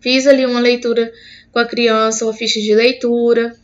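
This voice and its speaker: Woman, teacher-trainer type, high clear voice, patient and instructive. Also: flat delivery, a little fast, dull audio. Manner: didactic, addresses teachers directly, acts out classroom examples. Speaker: teacher explaining reading methods. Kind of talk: educational explainer video.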